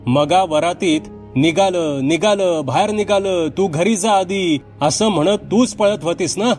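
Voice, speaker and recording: A stern older village man in a spoken horror tale, pressing hard with repeated questions, as a narrator puts him on. The voice is pitched above the narrator's own, with soft music underneath. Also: measured pace. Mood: insistent. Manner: firm, insistent questioning.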